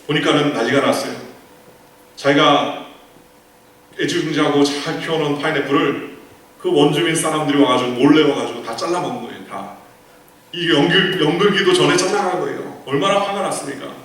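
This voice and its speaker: A man's voice: a little high, brisk, a bit bright. A male pastor preaching a sermon, telling a story with rhetorical questions and quoted lines. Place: large church sanctuary. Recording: echoey church hall from far off.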